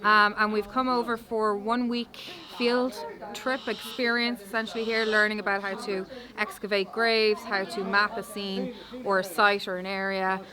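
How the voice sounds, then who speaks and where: A woman speaks with a west of Ireland accent at a medium pitch, giving a casual introduction in the manner of a university lecturer. Clear chatter of other people surrounds her. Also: little pitch movement, moderate pace, hardly any pauses. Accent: west of Ireland, Galway. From Galway, west of Ireland. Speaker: university lecturer leading a student field trip.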